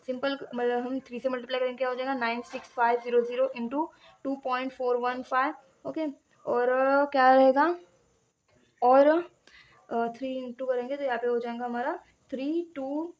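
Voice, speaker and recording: A woman teaching chemistry, working through a numerical problem step by step and asking the class questions, with fillers and self-corrections. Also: high voice.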